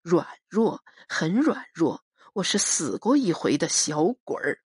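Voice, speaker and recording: A woman narrating a novel as an audiobook, in a measured, expressive storytelling manner. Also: lowish voice, slightly rough, no echo, clean studio sound.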